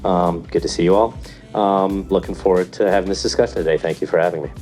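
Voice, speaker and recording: A man's voice: low-pitched, fairly even intonation, fast talker, darkish tone, soft background music. A man giving a brief, friendly introduction as a panelist before a live audience. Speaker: attorney, panelist.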